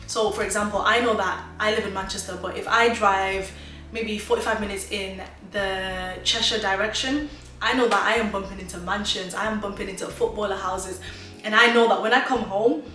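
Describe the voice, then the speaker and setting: A woman's voice: medium pitch, a bit bright, far from the mic. Upbeat woman vlogger in a roomy echo. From Zimbabwe. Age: 20s. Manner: emphatic, motivational, talks straight to viewers. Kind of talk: casual chatty advice vlog. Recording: roomy echo, mic set back, faint music.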